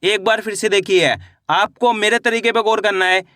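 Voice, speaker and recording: A male teacher giving a reading lesson, drawing out syllables slowly and answering his own questions. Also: high voice, steady tone, pushed and bright, dry recording.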